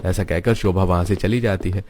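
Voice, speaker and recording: A man narrating a scripted family story for a storybook cartoon in a steady, even manner. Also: low voice, a little fast, dry recording, studio quality.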